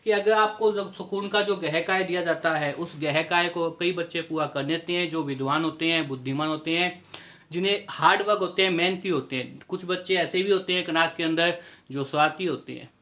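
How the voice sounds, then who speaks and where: A man's voice: a little high, fairly quick, pushed and bright. A male teacher giving a class lecture, posing questions to his students and answering them himself, repeating points to drive them home. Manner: repetitive, explanatory teaching tone.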